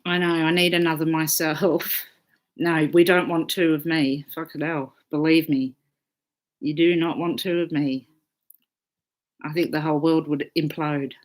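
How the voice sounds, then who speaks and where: A woman's voice: low-pitched, little pitch movement, measured pace. A woman astrologer hosting a casual live stream, chatting freely, swearing often and reading out viewer comments.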